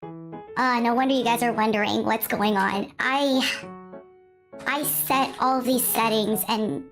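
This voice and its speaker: A woman's voice: fairly high pitch, fairly even intonation, slow pace, fairly bright tone, soft background music. A woman livestreamer chatting casually with her viewers, her voice run through a voice changer filter because illness has taken her own voice. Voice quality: gravelly. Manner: chatty and scattered, with frequent restarts and self-deprecating asides. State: lost voice from illness, speaking through voice mod. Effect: voice changer filter altering her voice. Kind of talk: casual chat with stream viewers.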